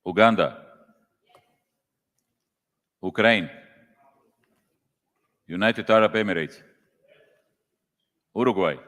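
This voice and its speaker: Slow deep-voiced man calling a roll. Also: fairly bright tone. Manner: slow, reads out country names one by one. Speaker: congress official calling the roll. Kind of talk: roll call at a meeting. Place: large conference hall. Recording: long hall reverb.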